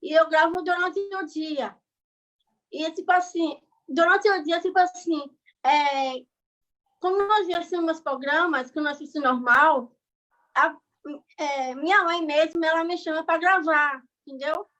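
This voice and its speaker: High-voiced chatty woman on a video call. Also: measured pace, a bit bright, highs cut off. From Bahia, Brazil. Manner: chatty, rambling, keeps asking "entendeu?" and "sabe?". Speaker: guest speaker, online creator. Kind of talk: casual talk on a video call.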